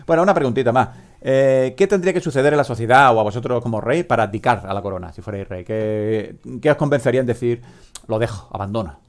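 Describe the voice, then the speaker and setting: A man's voice: mid-range voice, fast talker. A man hosting a joking live radio show, rambling and acting out little scenes as he talks. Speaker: host of comedy radio show.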